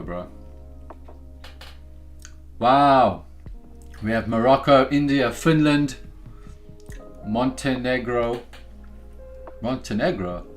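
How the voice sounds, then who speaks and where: With a mid-range, slightly bright voice, a young man from South Africa runs a live trading stream. He keeps things upbeat and conversational, addressing his viewers directly as guys and bro in relaxed stream chatter.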